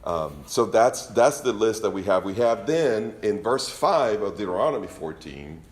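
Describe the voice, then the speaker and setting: A Venezuelan man with a Spanish accent teaches scripture to a congregation in a conversational, joking style, an informal sermon. His lowish voice is expressive at a moderate pace, echoing in a reverberant space.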